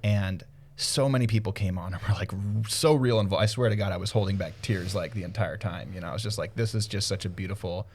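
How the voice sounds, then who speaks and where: A man's voice: low voice, fast talker, a little mellow, a little hiss or hum. A man hosting a casual podcast, talking in an earnest, reflective way and sometimes losing his thread. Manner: earnest, reflective, loses his train of thought. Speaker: podcast host.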